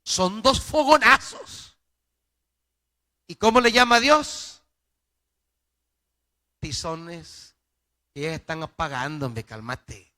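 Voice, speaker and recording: A Salvadoran pastor preaching a sermon in an emphatic style, swinging from loud peaks to soft, low drops. His voice sits high and sounds bright and clear, and he takes his words slowly. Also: sing-song. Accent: Salvadoran Spanish.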